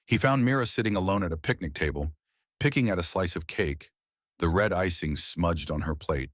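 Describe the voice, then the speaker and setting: Deep-voiced male story narrator. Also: no echo, clean studio sound. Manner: measured, dramatic storytelling. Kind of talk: scripted narration.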